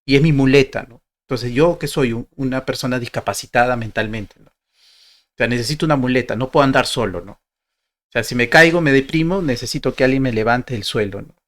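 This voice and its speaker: A man's voice: medium pitch, a little fast, a bit bright. A man giving a motivational talk to exam applicants, conversational, often tagging his points with questions. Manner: conversational, many tag questions and rhetorical questions. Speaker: motivational speaker for university applicants.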